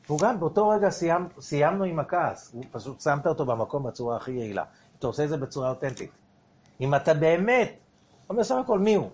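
Husky-voiced man teaching Torah. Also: a little high. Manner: rhetorical questions to listeners, lively explaining. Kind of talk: weekly Torah portion lesson.

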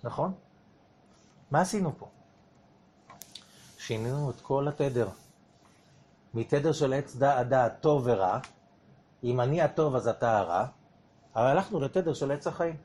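A man's voice: mid-range voice, animated, pauses often, a little mellow. A man teaching a lesson on the weekly Torah portion, often asking his listeners rhetorical questions as he explains.

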